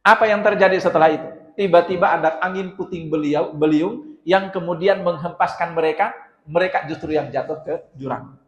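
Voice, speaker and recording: Male preacher, high voice, lively storyteller, long hall reverb. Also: fairly quick. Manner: lively storyteller acting out dialogue. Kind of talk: mosque sermon storytelling. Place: mosque hall. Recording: dull, echoey mosque hall sound.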